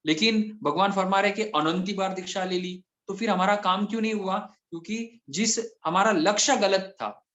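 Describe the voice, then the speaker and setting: A man with a high voice gives a scripture discourse. He explains each term with care and comes back to key words again and again. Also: a bit bright. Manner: explains terms slowly, repeating key words. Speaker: Jain scripture teacher.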